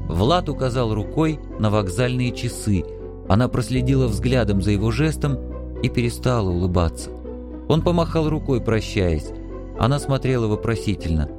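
A man narrating a literary story as an audiobook, calm and measured. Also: mid-range voice.

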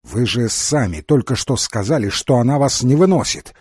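A man's voice: mid-range voice, lively intonation, normal speed, a little mellow, slightly rough, no echo, studio quality. A man reading a tense, defiant young husband. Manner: curt, insistent.

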